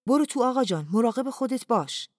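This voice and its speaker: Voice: medium pitch, expressive, no echo, clean studio sound, pitched above the performer's own voice, close to an everyday voice. A reader doing a wry, weary doctor. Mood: curt.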